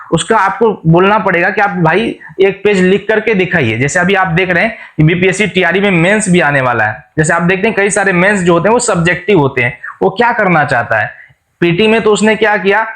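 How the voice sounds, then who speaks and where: A man's voice: high-pitched, fairly bright tone. A man teaching an exam-prep lesson, who explains each question and then restates it in plain words, often checking back with his viewers.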